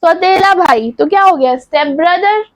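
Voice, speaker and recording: High-voiced woman teaching vocabulary. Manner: asks a question then answers it, repeating each word slowly. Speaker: English teacher. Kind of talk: vocabulary lesson.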